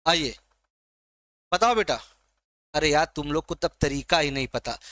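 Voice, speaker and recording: A man with a high, bright voice runs a live online exam-prep class. He coaxes and teases his students by name as he quizzes them, and the sound is close and dry. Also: lively intonation, measured pace, dry recording. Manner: coaxing, teasing students by name. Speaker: teacher.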